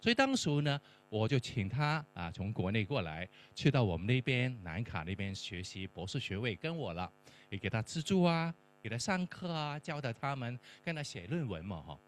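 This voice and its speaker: A man's voice: medium pitch, very animated, normal speed, few pauses. A middle-aged man, a professor and church mentor, telling a testimony-style story and acting out the dialogue. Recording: faint mains hum.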